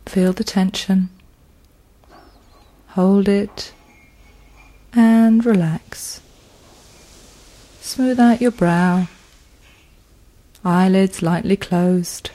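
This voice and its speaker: Slow, soothing woman guiding relaxation. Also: mid-range voice, steady tone, warm tone. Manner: slow, soothing, with long pauses. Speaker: relaxation guide. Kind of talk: guided progressive muscle relaxation.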